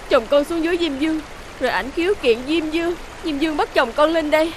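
A pleading young wife. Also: female voice, high-pitched, a bit bright, a little hiss or hum. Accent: Southern Vietnamese. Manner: pleading, emotional. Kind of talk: TV fairy-tale drama acting.

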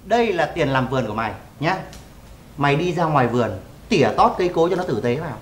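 Actor doing a domineering boss, roomy echo. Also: male voice, on the high side, lively intonation, quick pace, a little hiss or hum, lightly acted. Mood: bossy. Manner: bossy, curt. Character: gruff domineering older male boss. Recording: echoey room.

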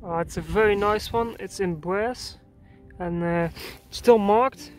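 A man hosting a metal detecting vlog outdoors, speaking calmly and matter-of-factly with many filler pauses. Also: high voice, soft background music. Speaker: channel host and metal detectorist. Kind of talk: casual vlog narration. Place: outdoors in a field.

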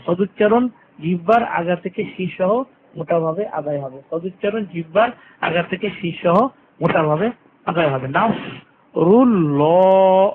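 A man teaching Quran recitation rules, repeating each rule and drawing out the verses very slowly. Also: high-pitched. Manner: repeats rules and verses, stretching vowels very long. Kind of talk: tajweed lesson with slow drawn-out recitation. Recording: tinny lo-fi phone-like recording, faint hiss.

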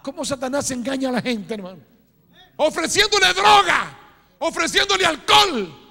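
A man preaching a fiery sermon as a pastor, dropping low and then shouting, often calling out to his listeners as brother. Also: sing-song, normal speed, vocal fry. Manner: fiery, swings between low asides and shouted cries; calls listeners "hermano" again and again. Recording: long hall reverb.

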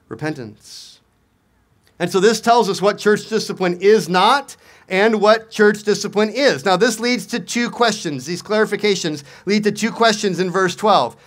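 A middle-aged pastor with a fairly high voice delivers a sermon from an outdoor lectern. He keeps asking rhetorical questions and hammers his points through repetition. The sound comes through a stand mic on the lectern. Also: moderate pace, a bit bright.

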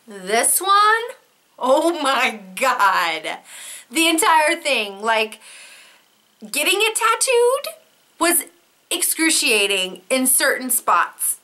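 A woman talks straight to her camera in a casual, earnest way, with the odd swear word. Her voice sits a little high and sounds bright and clear. By now it is going slightly hoarse. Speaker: vlogger.

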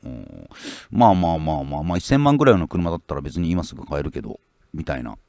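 A man's voice: a bass voice, sing-song, fast talker, gravelly, darkish tone, no room sound. A man, ranting casually as a fishing YouTuber and bluntly scolding his commenters, with many rambling fillers. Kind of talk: casual rant reading out viewer comments.

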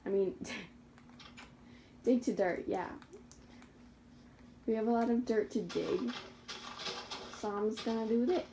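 This rough recording catches a young gaming YouTuber speaking slowly with frequent pauses in a fairly high voice. She's chattily narrating her Minecraft survival playthrough, rambling, correcting her mistakes and laughing at herself.

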